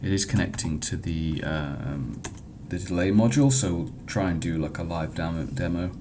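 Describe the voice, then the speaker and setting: A man giving an informal software demo walkthrough as a developer, speaking in a hesitant, halting way with frequent stumbles. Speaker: hackathon developer presenting own project. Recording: clear background noise with low rumble.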